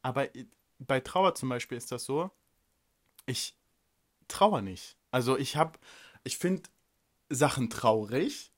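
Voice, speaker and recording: Male podcast co-host, mid-pitched voice, blunt and direct, casual chat. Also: expressive, slow pace, pauses often. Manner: frank, direct, rambling with fillers.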